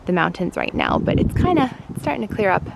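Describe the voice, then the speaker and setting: This homemaking vlogger, a woman in her thirties, talks fast with huge pitch swings and a gravelly medium-pitched voice. She gushes casually while hosting a home tour, partly out on a deck, over heavy background noise.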